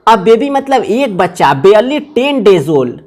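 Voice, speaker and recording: A woman teacher, reading phrases slowly and explaining each one in Hindi. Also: medium pitch, very animated, darkish tone. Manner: reads English phrases very slowly, then glosses them in Hindi. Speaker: English teacher. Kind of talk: line-by-line lesson explanation.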